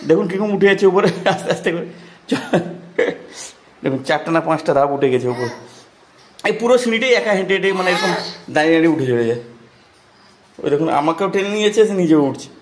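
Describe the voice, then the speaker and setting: A man's voice: fairly high pitch, animated, quick pace, long pauses, a little hiss or hum. A young man with a West Bengal accent, chatting to viewers at home and coaxing his toddler in a sing-song voice. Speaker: family vlogger, father. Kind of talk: casual home vlog narration. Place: at home indoors.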